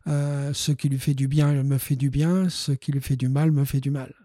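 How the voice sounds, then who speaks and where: A man in his sixties from France, a dental surgeon and guest, telling animated anecdotes with frequent laughs and hesitant fillers. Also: medium pitch, normal speed, no room sound, studio quality. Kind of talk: casual storytelling interview.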